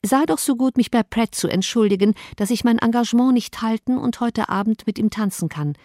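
A woman's voice: fairly high pitch, a little fast, mellow, no echo, clean studio sound, natural voice. A woman voicing a giddy, thoughtless teenage girl in a read-out letter, with a breathless, carefree manner, in an audiobook reading.

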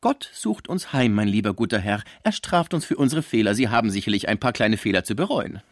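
A man reading aloud and voicing a nosy, chattering middle-aged concierge woman who scolds and gossips in a high, shrill voice. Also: sing-song, a little fast, no echo, clean studio sound. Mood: scolding. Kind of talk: radio book reading.

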